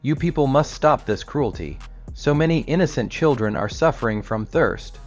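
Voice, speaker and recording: A man voicing a pious old man who stays calm and firm in his faith, read storybook-style. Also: medium pitch, normal speed. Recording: slightly dull recording with soft music.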